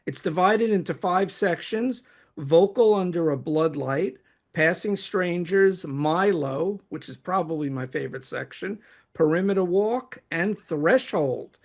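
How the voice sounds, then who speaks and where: A man's voice: high-pitched, measured pace. A man with a New York accent, hosting and reading from prepared notes as he ranks favourite songs. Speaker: host.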